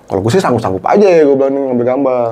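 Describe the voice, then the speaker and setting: A middle-aged man who used to be a TV cameraman tells a story at a racing pace in a mid-range voice. He's animated, speaks in casual Jakarta slang, and acts out the quoted dialogue.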